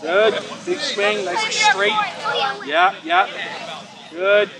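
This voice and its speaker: A man's voice: high voice, wildly swooping pitch, slow pace, gravelly. A middle-aged man instructing hands-on in short, encouraging phrases, outdoors in a field some way from the camera. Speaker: whip-cracking instructor. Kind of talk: hands-on coaching. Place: open grassy field at a fair. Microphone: camera several metres away. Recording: loud outdoor fair noise and crowd.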